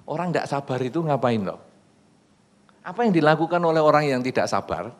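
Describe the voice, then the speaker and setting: A man's voice: a little high, animated, brisk. A man giving a Buddhist sermon in a casual, conversational way, asking the audience questions and acting out the people in his examples. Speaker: Buddhist monk giving a Dhamma talk.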